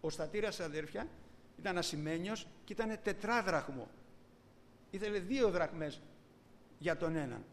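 Man, preacher, high voice, animated sermon, rhetorical questions, reverberant hall, faint background noise. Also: long pauses. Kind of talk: evening sermon. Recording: echoey hall with faint ambience.

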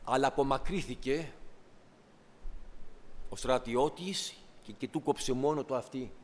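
A man's voice: medium pitch, in a large hall. A man preaching a sermon to his brethren, retelling a story dramatically and rising to emphatic peaks.

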